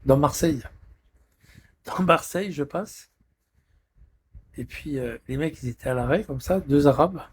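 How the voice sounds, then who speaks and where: A man's voice: fairly high pitch, unhurried, long pauses, slight background noise. A man in a rambling live stream chat, irritable and swearing constantly, talking from a friend's apartment.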